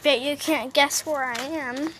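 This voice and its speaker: A mobile game vlogger with a high voice talks to her audience while playing, chatty and playful, from her seat on a roof outdoors. Her delivery is slow, easygoing, and steady in tone, and the phone recording catches background noise.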